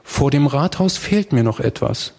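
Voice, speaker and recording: A man's voice: mid-range voice, lively intonation, moderate pace, vocal fry, darkish tone, voice pushed up. A man doing a hesitant, skeptical patron. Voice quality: hesitant, probing.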